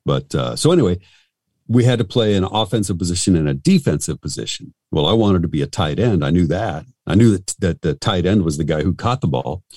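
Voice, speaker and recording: A middle-aged man with a very low, deep voice tells stories in a casual interview, wandering through his thoughts with fillers and false starts. The recording is close and dry, with no room sound. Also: expressive, a little fast, darkish tone, dry recording. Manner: rambling, full of fillers and restarts. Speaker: radio host and voice actor, interview guest.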